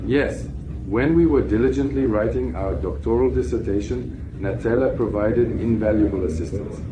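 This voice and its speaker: A man in his sixties from Kazakhstan, answering interview questions in a measured, solemn and self-assured way. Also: fairly low pitch. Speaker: interviewee, founder of a healing teaching. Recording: steady background noise.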